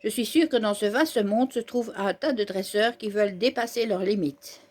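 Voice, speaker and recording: A woman reading aloud the lines of an eager, boastful young male Pokémon trainer from a manga, excited and declaiming. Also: medium pitch, moderate pace, natural voice.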